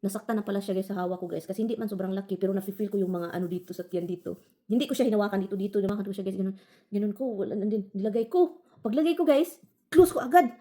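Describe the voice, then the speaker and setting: A woman from the Philippines chats quickly to her vlog viewers in a mellow, dark-toned voice. She rambles, restarts sentences and keeps calling her audience "guys". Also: medium pitch. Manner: frequent self-corrections and restarts. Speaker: vlogger. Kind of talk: casual storytelling to viewers.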